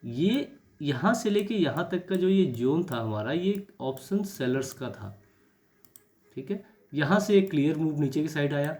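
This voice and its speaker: Hoarse man explaining trading charts. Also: on the high side. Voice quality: frequent throat clearing. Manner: reflective, repeats key words. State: sore throat. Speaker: stock market trading educator. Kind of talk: chart analysis lesson.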